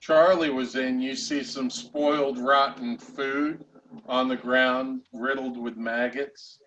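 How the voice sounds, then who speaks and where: A man acting as game master, narrating and explaining a tabletop game haltingly, pausing mid-sentence. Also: mid-range voice, steady tone, a bit bright, lo-fi sound.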